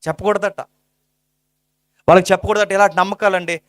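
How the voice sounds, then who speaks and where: A male preacher delivering a sermon with passion, firing rhetorical questions and swinging between hushed, low lines and loud, soaring ones. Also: fairly even intonation, brisk.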